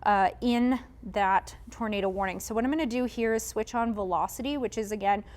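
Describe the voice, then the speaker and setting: A woman's voice: mid-range voice, brisk, a little mellow. A woman meteorologist giving live breaking weather coverage, explaining radar and urging viewers to take shelter. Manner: urgent, explanatory, giving safety instructions.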